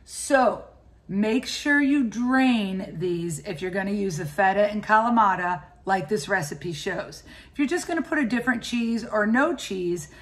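A woman's voice: mid-range voice, a little slow. Chatty middle-aged woman giving shopping tips. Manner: chatty, enthusiastic, practical tips. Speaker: cooking and grocery vlogger. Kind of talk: casual shopping and cooking walkthrough. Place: indoors at home and in a grocery store.

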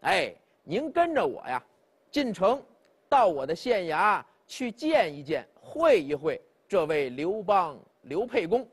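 Man playing a smooth-talking courteous magistrate. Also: sits high, very animated, slow, heavily acted. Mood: courteous, coaxing. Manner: polite, coaxing official speech. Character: male county magistrate, courteous and persuasive.

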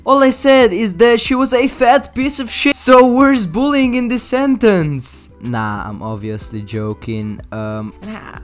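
A young man hosting casual comedic commentary, joking crudely and rambling. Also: extremely high pitch. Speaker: commentary YouTuber.

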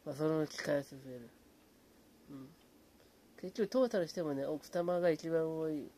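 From his apartment late at night, a man greets viewers by name and rambles casually in a hushed, low voice at normal speed, leaning on fillers like うん. There's a little hiss or hum in the recording.

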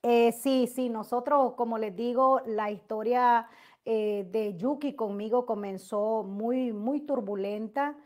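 A middle-aged woman hosting a live stream, reading out viewer messages and answering them in a loud, emotive, long-winded way. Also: on the high side, steady tone, slow pace. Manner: loud, emotive, talks at length. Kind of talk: casual live chat.

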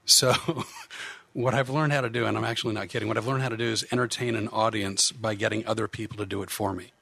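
A man's voice: on the low side, fairly even intonation, fast talker, creaky, fairly bright tone, dry recording. A man who works as a comedian hypnotist, chatting as a podcast guest in a joking, self-deprecating way with many restarts. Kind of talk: casual podcast chat.

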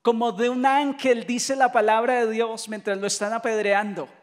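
High-voiced Colombian priest preaching in a reverberant hall. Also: male voice, moderate pace. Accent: Colombian Spanish. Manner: lively storytelling preacher who mimics voices and jokes. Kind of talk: retreat sermon.

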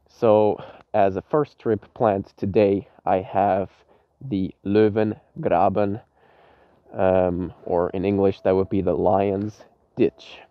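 Slow-talking man with a cold, vlogging outdoors. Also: fairly low pitch, dry recording, narrow, tinny audio. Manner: informal, sweary. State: sick with a cold, sniffly. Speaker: motovlogger. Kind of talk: casual vlog introduction. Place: outdoors on a city street beside a parked motorcycle.

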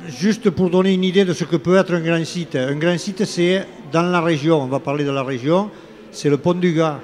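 A man in his sixties, a local elected official, speaks at normal speed in a slightly high, darkish voice. He's being interviewed live on a fair-hall studio set, holding a red handheld microphone, and sounds hesitant with many fillers and restarts. Faint fair-hall ambience is audible.

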